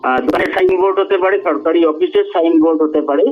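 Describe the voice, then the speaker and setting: A man gives an earnest radio talk as a guest speaker, making his points in measured, emphatic phrases. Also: a little high, faint music behind. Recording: tinny phone-like radio audio.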